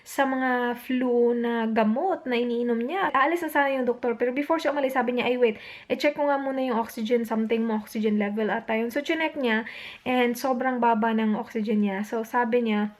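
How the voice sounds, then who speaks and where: A woman's voice: a little high, steady tone, brisk. A young woman vlogging at home alone at night, chatty and upset, retelling a long night and mixing English phrases into her talk. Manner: chatty, mixes English into Tagalog, retells quotes. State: upset, on the verge of tears. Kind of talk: casual storytelling vlog.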